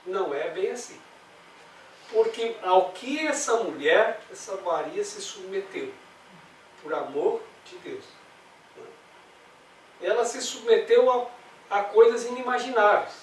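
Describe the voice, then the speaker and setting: A man's voice: high voice, animated, slow pace, pauses often. A man with a Brazilian accent leading a spiritual study group, talking conversationally with rhetorical questions. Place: meeting room. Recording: roomy, distant mic, faint noise.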